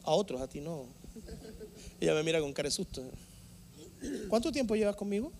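High-voiced, fiery male preacher. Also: fairly quick, slight background noise. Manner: animated, emphatic preaching with sudden loud outbursts. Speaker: pastor. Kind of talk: sermon preaching to a congregation. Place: church service before a congregation.

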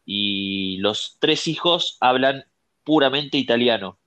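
A man's voice: medium pitch, expressive, slow pace, a bit bright. A young man with an Argentine accent, talking bluntly and full of slang in a casual chat with friends. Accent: Argentine Spanish.

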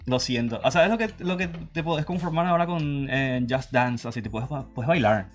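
A man's voice: medium pitch, faint music behind. Rambling playful male host. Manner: quick, rambling, playful, many restarts. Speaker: show host. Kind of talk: casual chat.

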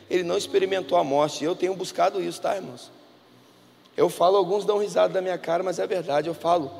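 Gravelly high-voiced preacher. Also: male voice. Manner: conversational storytelling, swings between hushed and loud. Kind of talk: sermon. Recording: reverberant hall with music.

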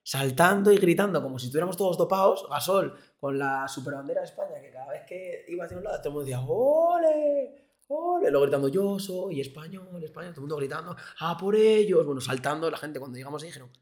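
A young man from Spain, a boxer guesting on a podcast, telling stories in an animated, casual way and acting out quoted voices. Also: on the high side, very fast, few pauses, breathy edge. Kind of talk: casual interview chat.

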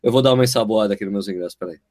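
A man co-hosting a sports talk stream, chatting casually, full of restarts and excited jumps in his voice. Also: rapid-fire. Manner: excitable, restarts often, voice jumps high when retelling. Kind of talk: casual chat.

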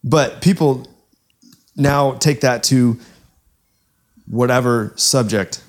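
A man with a mid-range voice on a casual podcast, retelling an anecdote with quick asides and frequent laughs. He sounds like a young adult. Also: medium pitch. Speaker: podcast co-host.

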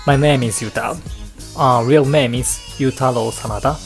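A man from Japan with a Japanese accent, hosting his own podcast in an unhurried, chatty way and moving between English and Japanese. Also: mid-range voice, steady tone, faint music behind. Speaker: podcast host. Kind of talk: casual solo podcast talk.

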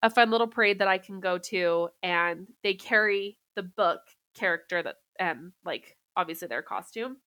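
A woman's voice: fairly low pitch, normal speed, hardly any pauses, sharp tone, dry recording. A woman in her thirties, a podcast co-host, chatting casually while congested, upbeat and chatty. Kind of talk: casual chat.

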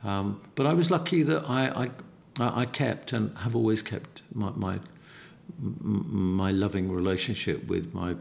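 Interview guest, middle-aged Cockney man: reflective and halting, restarts his phrases. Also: fairly low pitch, vocal fry. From East End of London. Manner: halting, repeats words while searching.

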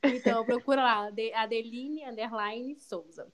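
A Brazilian woman co-hosting a casual podcast with a friend, bubbly, excitable and chatty, often adding little tag questions. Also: on the high side, normal speed. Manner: frequent tag questions seeking agreement. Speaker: podcast co-host.

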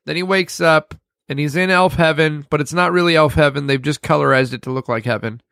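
A man's voice: on the high side, brisk, vocal fry. A man co-hosting a podcast, chatting casually with hesitant restarts. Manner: lively, hesitant, trailing off and restarting. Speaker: podcast co-host.

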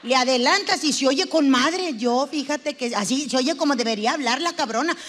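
Mexican woman doing standup, high pitched, chatty and slangy, teasing tone. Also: fairly quick. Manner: chatty, slangy, mocking, acts out both sides of a therapy session. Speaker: comedian. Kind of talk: stand-up comedy monologue.

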